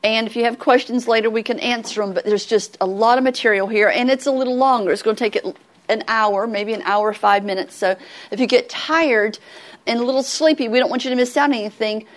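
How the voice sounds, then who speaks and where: A woman's voice: a little high, fairly quick. A middle-aged woman with a Southern US accent, teaching a healing ministry lesson in a folksy, earnest, conversational way. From Southern United States.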